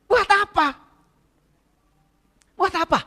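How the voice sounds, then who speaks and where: A spiritual teacher with a light tinge in his voice preaches a sermon, pressing the congregation with rhetorical questions. His voice is very high, slow, bright and forceful. A long hall reverb fills the recording.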